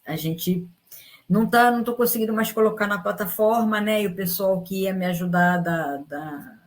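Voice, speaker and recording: A woman's voice: mid-range voice, moderate pace. A woman teacher talks her class through a lesson over an online call. She rambles and stops herself mid-sentence, then starts over. She checks in with her students after almost every point to keep them with her. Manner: rambling, frequent fillers and restarts.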